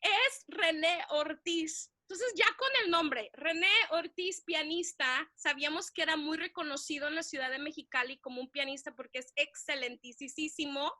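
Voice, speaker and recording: Podcast co-host, woman, lively storyteller, sparkly voice, mixes in English. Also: high voice, moderate pace, few pauses, dry recording, clean studio sound. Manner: animated, laughs often, mixes in English phrases.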